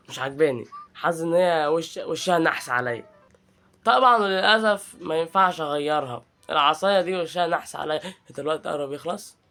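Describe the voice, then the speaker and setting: This young gaming channel host speaks with an Egyptian Arabic accent in a fairly high, fairly bright voice. He commentates his gameplay playfully, teasing and trash-talking the game.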